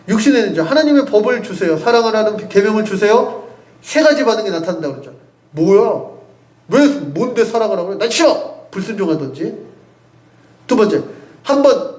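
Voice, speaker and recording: A man's voice: high-pitched, darkish tone. A man preaching a sermon to a young adult congregation, earnest and acting out the voices of the people he quotes. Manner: earnest, acts out quoted voices with rising emphasis. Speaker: youth pastor. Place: church sanctuary. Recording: echoey church room.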